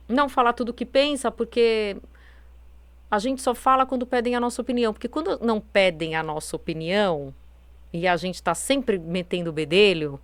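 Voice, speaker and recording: A woman's voice: mid-range voice, clean tone, no echo. A woman hosting a self-help video, talking casually with many fillers and a naturally firm tone. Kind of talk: casual advice monologue.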